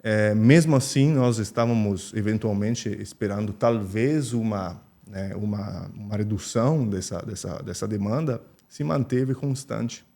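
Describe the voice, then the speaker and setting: A man's voice: on the low side, unhurried, gravelly, few pauses, mellow. A man whose first language is Italian, a company founder answering interview questions in an explanatory way, with frequent fillers and restarts.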